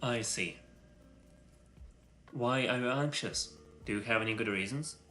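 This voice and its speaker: A man whose first language is Russian, speaking English with a Russian accent while thinking aloud on a live coding stream, halting and full of filler sounds. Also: mid-range voice, sharp tone, faint music behind. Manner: halting, many filler sounds, muttering to himself; self-conscious about his English voice.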